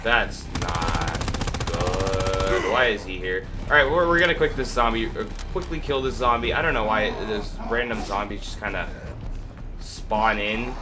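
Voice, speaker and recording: This gaming video host has a cold, so he's congested and sniffling while he walks through gameplay casually, rambling and hesitating with lots of fillers. He speaks in a lowish, unhurried voice over background music, with clearly audible background noise.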